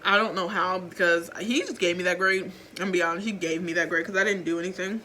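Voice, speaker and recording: A woman's voice: on the low side, fairly even intonation, fast, pushed and bright, slight background noise. A teenage girl vlogging about her school credits and grades in a rambling, chatty, self-mocking way. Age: teens. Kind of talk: casual chat. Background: faint background music.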